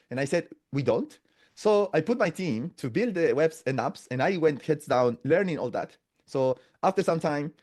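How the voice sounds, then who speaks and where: Telling stories casually in a podcast interview, a Spanish-speaking man in his forties from Latin America talks in a somewhat high voice with a darkish tone. He's chatty and halting, frequently starting over and ending phrases with "no?" and "right?".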